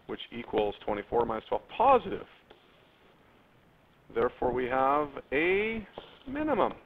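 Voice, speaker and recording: Lively male math teacher, tinny recording. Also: on the low side. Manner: lively, stretches words, spikes up on key terms; addresses students directly. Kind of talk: classroom lesson recording. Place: classroom. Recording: tinny lo-fi phone-like classroom recording, faint noise.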